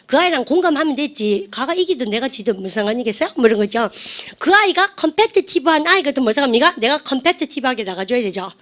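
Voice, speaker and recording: A chatty woman English teacher with a slightly high voice runs a vocabulary class. She keeps prompting the class to repeat English phrases and often breaks into laughs. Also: animated, fast talker, hardly any pauses, a bit bright.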